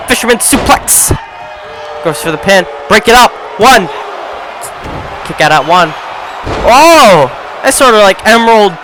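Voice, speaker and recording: A man calling a video game wrestling match play-by-play, often shouting, his voice going hoarse. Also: high-pitched. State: losing his voice. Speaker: play-by-play commentator. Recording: crowd noise and game sound behind.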